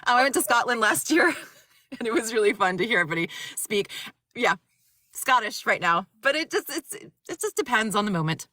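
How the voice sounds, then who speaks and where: A woman's voice: fairly high pitch, big pitch swings, normal speed, sharp tone, no room sound, clean studio sound. A woman from Maryland, a narrator and actor, chatting in an interview and telling rambling stories with lots of laughter. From Maryland, USA. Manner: chatty, rambling storyteller who laughs often. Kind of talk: casual interview chat.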